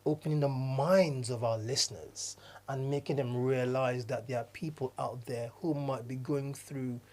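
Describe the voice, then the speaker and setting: Nigerian-born male podcast co-host, earnest and halting, in relaxed conversation. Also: medium pitch. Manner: earnest, repeats and restarts phrases, laughs often. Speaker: podcast co-host, diversity consultant. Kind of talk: casual chat.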